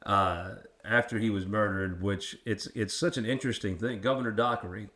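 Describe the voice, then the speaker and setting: A lower-pitched man with a rural drawl hosts a history chat. He is folksy and quick to poke fun at himself, talking casually as he asks questions. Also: steady tone, fairly bright tone. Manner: folksy, self-deprecating. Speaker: interviewer and host. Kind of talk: casual local history interview.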